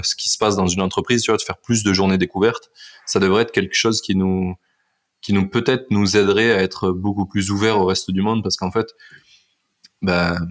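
A man hosting a casual podcast interview, rambling with many fillers and restarts. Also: low voice. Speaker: podcast host.

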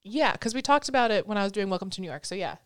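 A woman's voice: mid-range voice, expressive, rapid-fire. A woman hosting a podcast in casual chat, reading from notes with frequent fillers and giggles. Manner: chatty, giggly, trails off with fillers. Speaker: podcast host.

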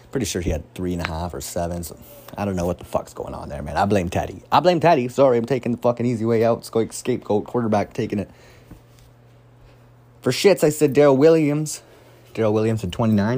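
A man's voice: deep voice, warm tone. A man hosting a casual solo fantasy football podcast from a room at home, rambling and swearing freely as he gets sidetracked. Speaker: podcast host. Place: room at home, door nearby.

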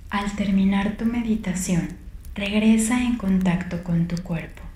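Woman meditation guide: very slow, mellow, hushed and calm, recorded in an echoey room. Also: mid-range voice. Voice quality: soft and calm, hushed at times. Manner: slow, gentle instructions with long pauses.

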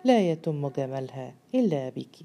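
A woman's voice: low voice, sing-song, normal speed, warm tone, a little hiss or hum. A woman reading the lines of an earnest young man in love, from a storybook. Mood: tender.

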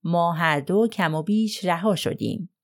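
A woman with a lowish, natural voice reads an audiobook character, a reserved young man who gives short, guarded answers under questioning.

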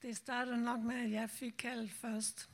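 A woman missionary telling the story of her calling at a church meeting, a lively storyteller who acts out the voices she remembers. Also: fairly high pitch. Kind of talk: personal testimony told to a church meeting.

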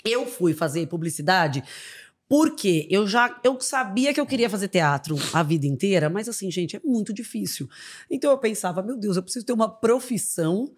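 A woman's voice: mid-range voice, moderate pace. Brazilian comedian lady, podcast storytelling, does shrieky voices for people. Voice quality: animated, acts out voices in shrieks. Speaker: guest comedian.

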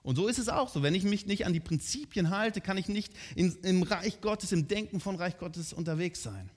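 A man's voice: high voice, expressive, normal speed. A man preaching a sermon in a conversational way, often asking his listeners direct questions.

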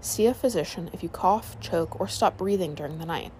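A woman narrating a sleep story, reading aloud in a calm, soothing way. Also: fairly low pitch, fairly quick, slight background noise.

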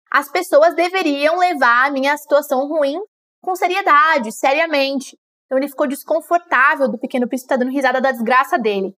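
A young woman with a Brazilian Portuguese accent and a high voice runs a bilingual read-along lesson. She reads English lines slowly and with care, then explains them in quick, chatty bursts, like a teacher used to guiding students. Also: fairly bright tone.

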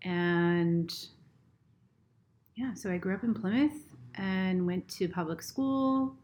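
A woman's voice: fairly low pitch, slow pace, a little mellow, a little hiss or hum. A middle-aged woman from Massachusetts speaking as a nurse in a casual interview, earnest and hesitant, with many ums and restarts. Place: family home.

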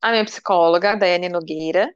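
A woman's voice: on the low side, a little fast, smooth, no echo. Emphatic Brazilian woman, lo-fi sound. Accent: Brazilian Portuguese. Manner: upbeat, emphatic, teasing. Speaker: podcast guest, financial consultant. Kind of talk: casual chat. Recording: dull lo-fi sound.

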